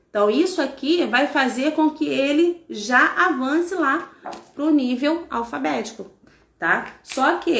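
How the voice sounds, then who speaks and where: A middle-aged woman with a Brazilian accent, a literacy teacher who patiently explains an activity step by step, sounding syllables out slowly. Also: on the high side, reverberant. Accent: Brazilian Portuguese. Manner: patient, explains step by step, frequent tag questions. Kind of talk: instructional demonstration.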